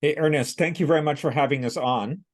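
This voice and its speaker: A middle-aged business owner appears as a podcast guest, talking fast in a slightly high voice. In casual interview chat he explains things plainly, sometimes restarting his sentences.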